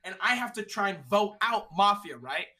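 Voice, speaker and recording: A young man tells a story in a relaxed conversation, with a bright, slightly sharp tone. He talks in a slangy, animated way and slips into the voices of other people as he recounts what happened. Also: sits high, normal speed. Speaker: streamer guest.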